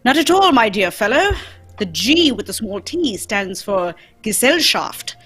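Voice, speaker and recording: A woman's voice: fairly high pitch, very animated, fairly bright tone, husky, heavily acted. A woman playing Sherlock Holmes as a keen, confident, courteous male detective in a theatrical radio play reading. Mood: keen, instructive. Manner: theatrical, brisk, instructive. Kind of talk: live radio play reading, old-time radio acting.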